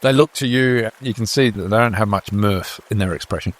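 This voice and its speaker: A man narrating calmly as game master of a tabletop game. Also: fairly low pitch, brisk, no echo.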